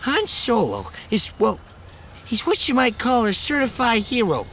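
A man doing a shrill excitable young man. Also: moderate pace, a little hiss or hum, full character voice. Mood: eager. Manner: high, strained, raised voice. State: slurring drunk.

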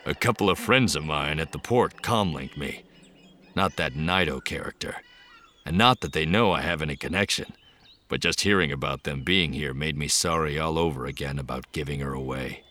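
A man's voice: rumbling low, moderate pace, sharp tone. A man voicing a jovial old hermit who talks in a folksy, chuckling, rambling way.

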